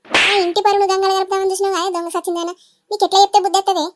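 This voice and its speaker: A woman's voice: very high voice, little pitch movement, very fast, noisy background. A woman voicing a melodramatic middle-aged village mother in a cartoon, scolding and wailing with a Telangana Telugu accent. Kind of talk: cartoon voice acting.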